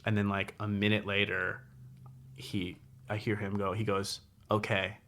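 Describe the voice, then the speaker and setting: A man's voice: on the low side, completely flat delivery, measured pace, fairly bright tone. A young man, a comedian, telling a long, rambling and profane story in casual conversation. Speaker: comedian guest.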